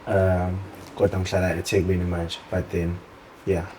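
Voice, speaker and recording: A South African man, a football player, introducing himself in a hesitant, quiet way. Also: low voice, flat delivery, normal speed, a little hiss or hum. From Mpumalanga, South Africa.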